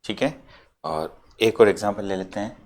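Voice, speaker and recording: A man's voice: lowish voice, a little mellow, a little hiss or hum. Hindi-speaking man teaching English grammar. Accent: Rajasthani Hindi. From India. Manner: explains step by step, asks rhetorical checks like "clear?"; slows down to dictate example sentences. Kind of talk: classroom grammar lesson.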